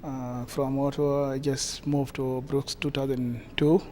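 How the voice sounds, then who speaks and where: A man from South Sudan with a South Sudanese accent, answering interview questions haltingly with many pauses. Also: medium pitch, level tone, dark tone, slight background noise. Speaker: guest, community association president.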